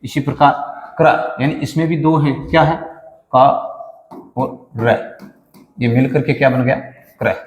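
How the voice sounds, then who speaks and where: A man teaching a class lesson, patiently explaining how letters join, asking questions and answering them himself and repeating sounds slowly. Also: mid-range voice, fairly even intonation. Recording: echoey room with long reverb.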